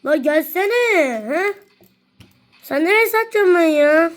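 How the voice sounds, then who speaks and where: A woman streaming an online game, taunting opponents and swearing loudly as she plays. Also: very high-pitched, animated, takes it slowly. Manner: trash-talking, taunting, profane, shouts repeated jeers. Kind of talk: live gameplay chat.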